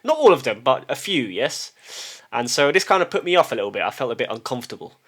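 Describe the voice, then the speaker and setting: A middle-aged vlogger from a small town talks casually to camera in a loose monologue, hesitating, repeating words as he restarts and often checking in with a questioning "yes?". His mid-range voice is a bit bright, very animated and fast.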